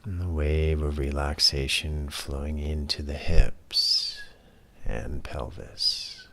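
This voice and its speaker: In a calm, soothing, measured manner, a male yoga teacher guides a relaxation session, leaving long pauses between phrases. His pitch is extremely low, with noticeable vocal fry.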